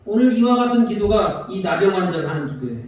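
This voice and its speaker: In a church sanctuary, a male pastor preaches with a fairly high voice, big pitch swings, and a quick pace, asking the congregation questions and acting out prayers as he goes. The audio is poor, very echoey, and picked up from a distant mic.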